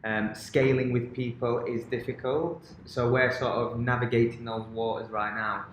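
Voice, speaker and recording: A man's voice: medium pitch, little pitch movement, normal speed, slight background noise. A man co-hosting a casual podcast, talking enthusiastically with lots of "um"s. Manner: enthusiastic, filler-heavy rambling. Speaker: podcast co-host. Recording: very echoey room, faint ambience.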